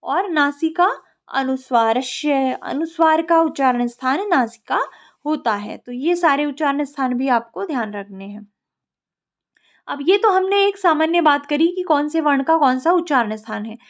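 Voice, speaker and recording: A woman leads an exam revision lecture on Sanskrit grammar. She recites each rule slowly and then explains it in plain words. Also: high-pitched, animated.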